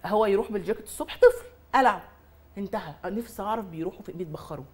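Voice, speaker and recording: A woman's voice: medium pitch, very fast, husky. A woman with an Egyptian Arabic accent, a mother and influencer on a talk show, chatting comically and mimicking other mothers. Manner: animated storyteller, mimics other mothers, laughs often. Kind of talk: comic casual chat.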